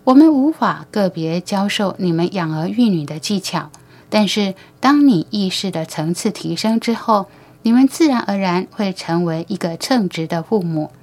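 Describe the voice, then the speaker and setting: Calm alien teacher of earthly parents, read by a woman. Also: mid-range voice, moderate pace, lightly acted. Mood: gentle, instructive. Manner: gentle, patient, knowing. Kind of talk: audiobook reading.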